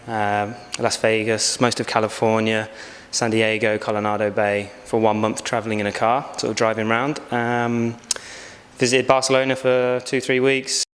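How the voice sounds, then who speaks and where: A man's voice: fairly low pitch, completely flat delivery, a bit bright. Guy in his 20s, thoughtful, lots of ums, sounds like a big echoey hall. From England. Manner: reflective, unhurried, hesitant with many fillers. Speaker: backpacker interviewee. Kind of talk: casual interview answers. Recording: long hall reverb.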